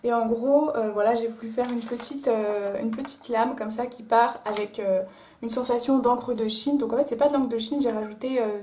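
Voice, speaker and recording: Woman, casual chat, higher voice, mellow tone, filler-heavy, echoey room. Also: a little hiss or hum. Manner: chatty, many fillers like euh and voilà. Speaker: artist presenting her drawings.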